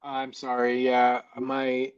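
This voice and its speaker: A man's voice: medium pitch, completely flat delivery, slow pace, clear, resonant tone. Man sounding like he's inside a fishbowl. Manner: rambling, loose, heavy on "like" fillers. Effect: hollow muffled fishbowl sound. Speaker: co-host. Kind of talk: casual chat. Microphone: external mic plugged into a phone. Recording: dull muffled phone recording.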